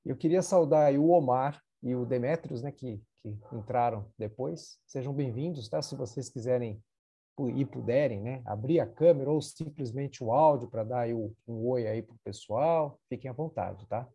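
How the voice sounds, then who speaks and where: A Brazilian host moderating an online meeting, calm and a little hesitant. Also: medium pitch, moderate pace, husky.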